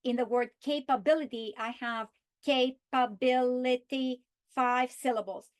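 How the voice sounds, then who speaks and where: A woman explaining a reading lesson structure to teachers and modeling the script, slowing down to stretch key words. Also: a little high. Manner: slow, deliberate delivery, stretching key words when modeling. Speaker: teacher trainer.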